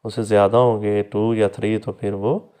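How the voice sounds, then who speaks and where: A man teaching a recorded lecture, patiently explaining step by step, repeating example words slowly and fondly addressing his students as "beta". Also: fairly low pitch, little pitch movement, dark tone.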